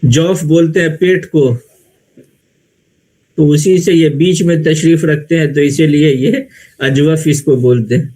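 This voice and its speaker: In a classroom lecture, a man teaches Arabic grammar in Urdu with an Indian Urdu accent. His voice is fairly high, steady, and warm, and he explains slowly, step by step, posing questions and answering them himself.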